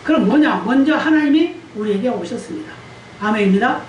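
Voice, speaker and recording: Recorded from a distance in an echoey church hall with faint hiss, a woman pastor gives her Sunday sermon in the sanctuary. She speaks briskly in a fairly high voice with lively intonation, quizzing listeners and asking for amens.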